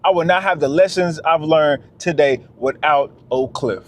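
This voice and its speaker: A man's voice: on the high side, normal speed, a little hiss or hum. A man talking straight to camera in a casual vlog, emphatic and slangy, repeating his phrases for weight. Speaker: vlogger.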